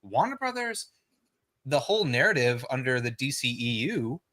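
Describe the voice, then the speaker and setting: Brief: male podcast guest, bright forward tone, filler-heavy quick arguing. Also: medium pitch, big pitch swings. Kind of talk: casual podcast chat.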